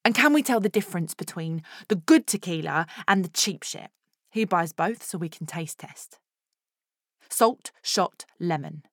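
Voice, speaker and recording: A woman's voice: on the low side, expressive, a little slow, no echo, studio quality. An actress playing a candid, brash Essex woman in her thirties, telling a wry first-person monologue in colloquial style. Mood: cheeky, boastful. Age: 30s. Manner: colloquial, frank, wry asides.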